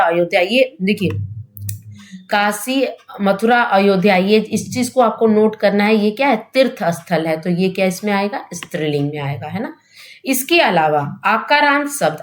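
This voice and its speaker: A woman teaching a grammar lesson for exam prep, at an ordinary middle pitch. She keeps asking questions and answering them herself, tags a checking question onto most points, and slows down to say each example word. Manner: slows down to spell out example words.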